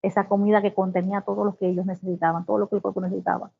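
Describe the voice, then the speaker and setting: A woman giving a devotional Bible teaching, reading scripture slowly and then explaining it with exclamations. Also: medium pitch, level tone, gravelly, a little hiss or hum. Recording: tinny phone-like sound.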